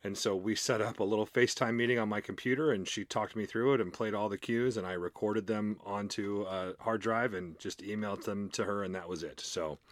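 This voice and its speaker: A man's voice: lowish voice, fairly even intonation, fairly quick, hardly any pauses, no echo. A man guesting on a podcast as an actor, telling anecdotes in a casual, friendly and self-effacing way. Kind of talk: casual anecdotal interview chat.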